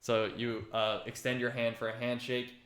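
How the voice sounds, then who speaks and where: A man's voice: medium pitch, level tone, moderate pace, a bit bright. A man narrating a tabletop game as game master, laid-back and full of hesitations. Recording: roomy echoey room.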